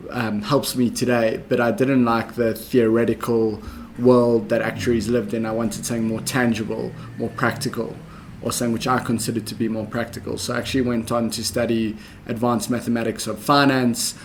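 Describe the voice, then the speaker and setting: During a relaxed interview, a young man from South Africa lays out his career path step by step, pausing often on "um." He keeps a medium pitch and a level tone, with slight background noise behind him.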